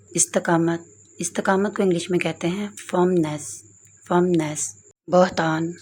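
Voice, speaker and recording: Woman teacher, low voice, very slow, patient drills, faint hiss behind. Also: a little mellow, low-quality recording. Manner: says each term, then its English twice, deliberately. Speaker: English vocabulary teacher. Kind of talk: slow vocabulary lesson, repeating each word.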